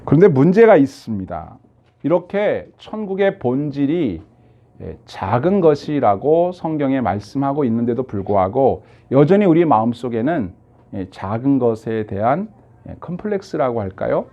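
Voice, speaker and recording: A man's voice: mid-range voice, sing-song, normal speed. A male pastor preaching a sermon, telling stories with rhetorical questions and frequent fillers, on a dull lo-fi recording.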